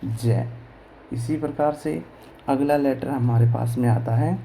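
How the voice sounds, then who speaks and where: A man's voice: mid-range voice, steady tone, moderate pace, creaky, warm tone, slight background noise, poor audio. A man teaching English pronunciation, spelling words letter by letter and answering his own questions as he explains. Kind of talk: slow classroom explanation in Hindi.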